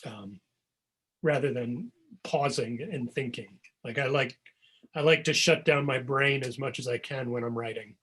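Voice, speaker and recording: A man's voice: medium pitch, measured pace, slightly rough. A man, a novelist guest, talking casually about his writing over a video call, with many ums and restarts. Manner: rambling, relaxed, many ums.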